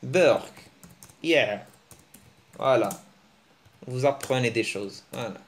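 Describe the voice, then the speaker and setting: A man giving a casual, joking online language lesson, teasing his viewers and breaking into animated bursts. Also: slow pace. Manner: joking, animated, teasing, with sudden pitch jumps. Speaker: language teacher.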